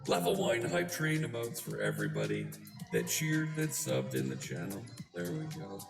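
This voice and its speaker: A live coding streamer talking through a voice changer that shifts the voice deep, chatting casually with a wry, self-deprecating manner. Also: wildly swooping pitch, normal speed, gravelly. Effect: deep pitch-shifting voice changer. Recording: roomy sound with music behind. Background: background music.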